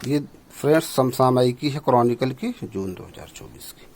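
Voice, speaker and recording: A man at a middle pitch, teaching an exam-prep lesson and speaking. He works through each question aloud and checks the answers one by one. His delivery is steady and explanatory. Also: normal speed, a little hiss or hum.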